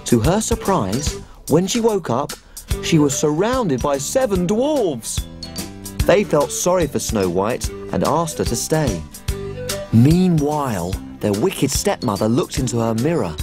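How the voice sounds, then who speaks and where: Tiny bubbly female cook; very lively pitch, unhurried delivery, kids' TV with music under. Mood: storytelling. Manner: bubbly, giggly, sing-song. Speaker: children's TV presenter. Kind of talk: children's TV acting and storytelling.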